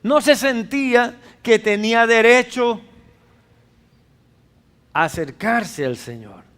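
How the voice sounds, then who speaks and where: A male pastor delivers a sermon in a fairly high voice. He preaches emphatically and keeps asking the congregation rhetorical questions. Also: animated, slow pace, fairly bright tone, smooth.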